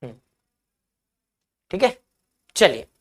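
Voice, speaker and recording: A male teacher leads a live online grammar lesson. He breaks off to reassure students who write in the chat. He then dictates definitions slowly and repeats them phrase by phrase. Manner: answers chat comments, reassuring.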